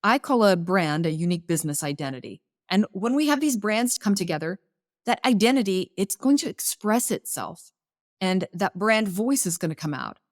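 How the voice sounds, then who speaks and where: A woman's voice: mid-range voice, lively intonation, moderate pace, dry recording, clean studio sound. A woman hosting a business podcast, explaining ideas in a coaching tone, asking rhetorical questions and interviewing guests. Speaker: podcast host.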